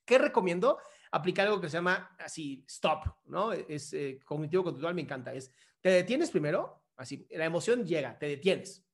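A man's voice: on the high side, animated, moderate pace. A man hosts a psychology show, answering a viewer's message in an explanatory, emphatic way with rhetorical questions.

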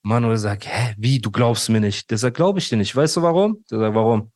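Man, casual interview guest, animated storytelling, acts out dialogue, dry close mic. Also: fairly low pitch, moderate pace, no room sound. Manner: animated, acts out quoted dialogue, says "Bruder" often. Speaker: guest telling his story.

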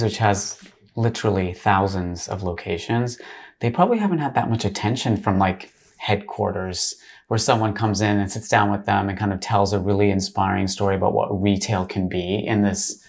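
A man's voice: fairly low pitch, normal speed. A middle-aged man hosting an interview, asking long probing questions with restarts and plenty of "you know" and "kind of". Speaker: interviewer, podcast host. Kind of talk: conversational interview.

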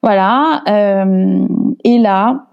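A woman's voice: medium pitch, very slow, gravelly, highs cut off. Hesitant, indignant woman telling her story. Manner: hesitant, many restarts, emotional and indignant. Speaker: interviewee. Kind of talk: candid personal storytelling.

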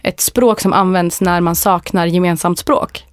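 A woman's voice: on the low side, steady tone, smooth, no room sound, studio quality. Woman with a Stockholm accent, casually chatting. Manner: frank, colloquial, crude humour. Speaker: podcast co-host. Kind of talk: casual chat, telling anecdotes.

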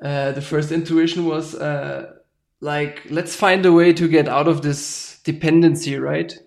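A man, a farmer guest talking casually and haltingly, often ending with "right?". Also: a little high, steady tone, creaky, a little mellow. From Germany. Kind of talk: casual interview talk.

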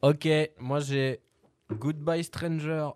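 A man's voice: on the high side, fairly even intonation, slow pace, darkish tone, dry recording. A young man co-hosting a casual podcast, hesitant as he lists things. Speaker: podcast co-host.

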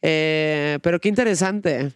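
A man with a Mexican accent hosting a casual interview, relaxed and slangy. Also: fairly high pitch, measured pace, smooth, no echo, clean studio sound. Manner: laid-back, slangy, brief affirmations. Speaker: interview host. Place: radio studio.

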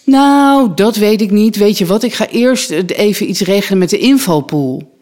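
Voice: mid-range voice, animated, moderate pace, darkish tone, pitched above the performer's own voice, close to an everyday voice. An interviewer voicing a flustered school principal who hedges and stalls while retelling a story. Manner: stammering, evasive.

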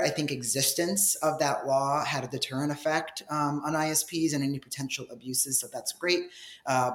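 A man giving conversational, halting answers as an interview guest, in measured explanations. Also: mid-range voice, a bit bright, echoey room. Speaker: policy director, interview guest.

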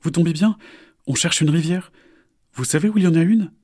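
A naive little turtle girl from a children's storybook, chirpy and trusting, in a raised and lively voice that a man puts on. Under the higher pitch the voice stays a bit husky. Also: moderate pace. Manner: naive and bouncy. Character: naive young female snapping turtle.

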